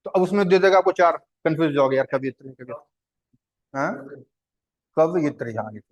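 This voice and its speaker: A male teacher with a somewhat high voice leads a lesson on Hindi translation. He explains patiently and repeats himself, poses questions to the class and answers them himself. His delivery is conversational and instructive. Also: animated, normal speed, muffled recording.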